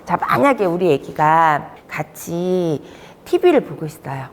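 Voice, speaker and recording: A woman's voice: fairly low pitch, unhurried, big-room sound. A woman who works as a child development counselor, giving a talk to fathers in a storytelling way. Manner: warm storytelling with lively emphasis. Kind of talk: lecture to fathers.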